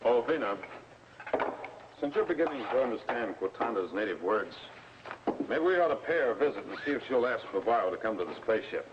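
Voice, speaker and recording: Man playing a fast, commanding American space hero. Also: medium pitch, very animated, lightly acted. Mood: decisive. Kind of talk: 1950s sci-fi serial acting. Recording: dull, noisy old film soundtrack.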